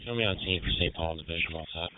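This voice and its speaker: Male responder on police radio, low voice, distant and thin with faint noise. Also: quick pace. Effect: radio transmission. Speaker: emergency responder. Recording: distant, noisy, phone-like scanner radio.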